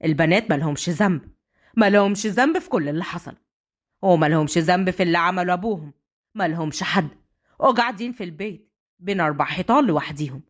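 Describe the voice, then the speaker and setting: A woman's voice: fairly low pitch, quick pace, pitched below the performer's own voice, lightly acted. A woman voicing a stern older village patriarch who speaks in curt commands. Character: stern rural family patriarch, older man.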